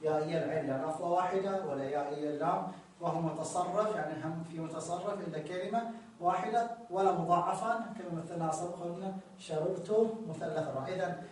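A man's voice: high voice, fast, a little mellow, distant mic, a little hiss or hum. Male teacher, patient and repetitive, reads a text and explains it; very reverberant room. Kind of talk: explaining Arabic morphology. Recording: very echoey room, voice from the mic.

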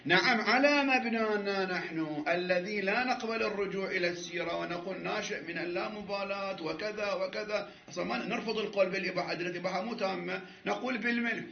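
Seminary lecturer, male, high voice, argumentative, repeats himself; roomy lo-fi recording. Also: quick pace, creaky, few pauses. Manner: argumentative, repeats and restarts, laughs at times. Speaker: seminary teacher. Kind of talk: jurisprudence class lecture with debate. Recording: echoey room, dull lo-fi sound.

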